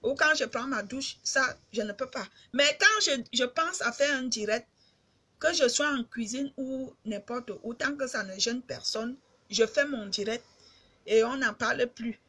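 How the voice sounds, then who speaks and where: A woman's voice: a little high, unhurried, sharp tone, husky. A middle-aged woman from Cameroon with a Cameroonian accent, chatting casually and emphatically to her fans on a live video stream. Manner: emphatic, repetitive, addresses fans directly.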